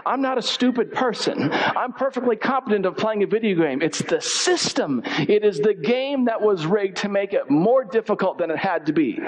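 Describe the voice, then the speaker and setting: A man's voice: a little high, poor audio. A man in his forties preaching a sermon in a church, telling a story with playful, vivid delivery. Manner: storytelling, acts out quoted voices, lively. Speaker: pastor. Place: church sanctuary.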